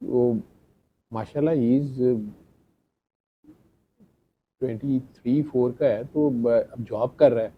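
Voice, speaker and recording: A man's voice: medium pitch, steady tone, takes it slowly, pauses often, husky. A middle-aged man tells a chatty anecdote to a gathering, acting out the dialogue and laughing between lines. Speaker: speaker addressing a gathering. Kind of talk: storytelling talk. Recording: dull lo-fi sound.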